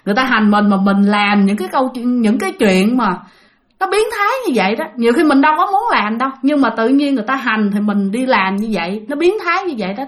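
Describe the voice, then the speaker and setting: A woman hosting a channel, telling listener-sent ghost stories in a chatty way and often speaking to her audience directly. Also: on the high side. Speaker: storytelling channel host. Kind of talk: spoken ghost-story narration.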